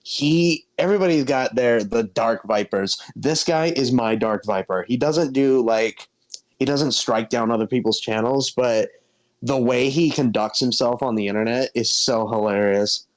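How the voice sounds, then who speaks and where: A man in his twenties, a guest on a casual stream, telling gossipy stories in an animated way. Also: mid-range voice, normal speed. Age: 20s.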